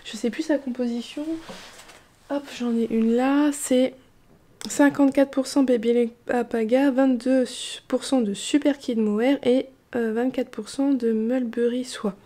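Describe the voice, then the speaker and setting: A woman chatting casually as a knitting vlogger, relaxed and talkative, with frequent fillers and restarts. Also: high-pitched, measured pace. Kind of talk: casual chat.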